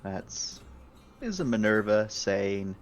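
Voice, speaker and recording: A man calmly describing scenes as game master of a tabletop role-playing game. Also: on the low side, takes it slowly, soft background music. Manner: calm, descriptive.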